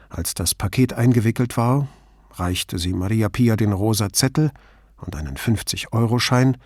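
Expressive male audiobook narrator. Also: lowish voice, no echo, clean studio sound. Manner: expressive reading. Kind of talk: scripted narration.

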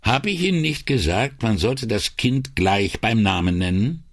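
Guy reading as a dry sarcastic old-hand cop, low husky voice, close and dry. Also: expressive, measured pace, dry recording. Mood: matter-of-fact. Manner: dry, sardonic remarks. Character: wry veteran male police inspector.

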